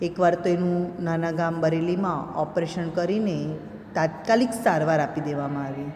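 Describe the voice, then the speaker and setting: A woman teacher with a mellow, dark voice walks students through a story, expressive and drawn out on the moments she wants to land. She sounds like she is in a bare room with a long, ringing echo. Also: medium pitch, slight background noise. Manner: expressive storytelling, slows down for emphasis. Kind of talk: explaining a school literature lesson. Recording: echoey room with long reverb.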